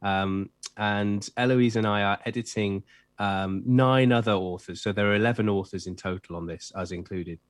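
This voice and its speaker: A middle-aged man raised in Wales, a children's author and editor, chats enthusiastically in an interview, with lots of fillers and restarts. His lowish voice keeps a steady tone at normal speed on a dry recording.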